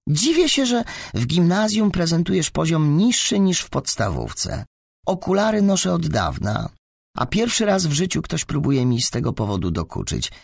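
A man reading an audiobook, voicing an indignant, sharp-tongued teenage schoolgirl. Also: sits high, sing-song, extremely slow, hardly any pauses, slightly rough, no room sound, clean studio sound, voice pushed up, exaggerated voice.

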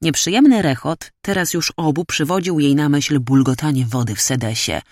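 Female audiobook reader, even measured narration, dry studio sound. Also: sits low, no echo. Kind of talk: scripted narration.

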